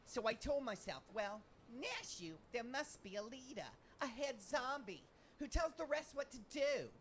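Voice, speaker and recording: A woman's voice: high voice, animated, normal speed, slight background noise. A woman voicing a small, earnest young female would-be inspector in a theatrical fan dub of game dialogue, with game music behind. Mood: determined. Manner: theatrical, dramatic sighs and sobs. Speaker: fan voice actor.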